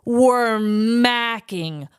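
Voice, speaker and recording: A woman co-hosting a podcast tells casual stories for laughs in a fairly high, very slow voice. She is dramatic and emphatic, repeating words for effect and checking in with "okay?". The sound is clean, dry and studio quality.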